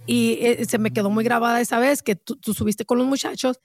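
A woman host in her forties with a raised, gravelly voice and a dry, close sound. She talks with open emotion in casual chat, mixing English into her Spanish and cursing. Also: a little high, fairly even intonation, brisk, darkish tone, no echo. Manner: emotional, code-switches into English, swears. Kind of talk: casual podcast conversation.

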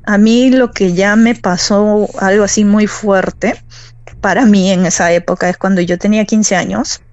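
A woman in her forties with a Peruvian accent, calling in to tell a true story in a soft, halting way with many fillers. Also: mid-range voice, steady tone, no room sound, muffled recording. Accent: Peruvian Spanish. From Peru. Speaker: caller telling a true story. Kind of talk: personal storytelling on a call.

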